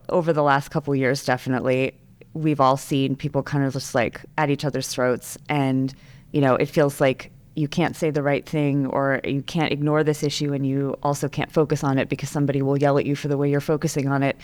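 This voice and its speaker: A woman's voice: sits low, darkish tone. A woman interviewing a guest, enthusiastic and talking at length in a rambling way. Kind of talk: conversational interview.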